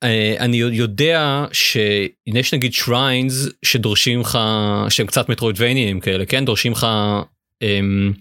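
גבר ישראלי מהוסס, הקלטה יבשה. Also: male voice, mid-range voice, sharp tone, no echo, studio quality. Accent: Israeli. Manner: hesitant, halting delivery. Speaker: podcast co-host. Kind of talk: casual gaming chat.

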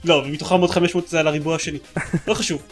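A man's voice: fairly high pitch, fairly even intonation, soft background music. A man co-hosting a casual gaming podcast, talking eagerly and rambling with many fillers. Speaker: podcast co-host.

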